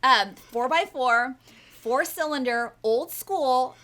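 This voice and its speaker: A woman co-hosting a casual podcast chat, animated, laughing often and talking with lots of fillers. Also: sits high, takes it slowly. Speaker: podcast co-host.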